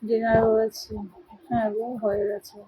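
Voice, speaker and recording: A woman's voice: fairly high pitch, completely flat delivery, moderate pace, mellow, slight background noise, poor audio. A woman from India with a West Bengal Bengali accent, hosting a casual live video stream, reading viewers' comments aloud and answering them. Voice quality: husky. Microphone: phone.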